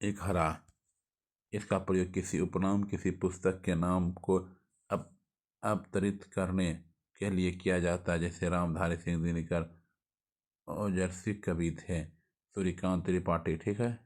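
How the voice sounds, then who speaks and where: A man with a Bihari Hindi accent teaching a quick exam revision lesson, reading grammar notes aloud with restarts and frequent checks of "okay". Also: sits low, flat delivery, a little mellow.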